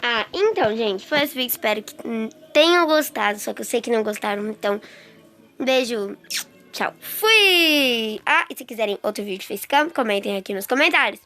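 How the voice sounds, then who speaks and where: A woman chatting excitedly and with exasperation to her viewers while commenting on a game she is playing. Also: on the high side, fast talker, soft background music. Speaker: gaming streamer. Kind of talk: casual gameplay commentary. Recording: noisy with clicks.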